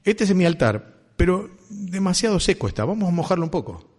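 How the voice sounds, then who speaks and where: A man's voice: high-pitched, very animated, a little fast, darkish tone, in a large hall, pitched above the performer's own voice. A man preacher voicing a confident prophet throwing down a challenge. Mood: defiant. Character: bold confident male prophet.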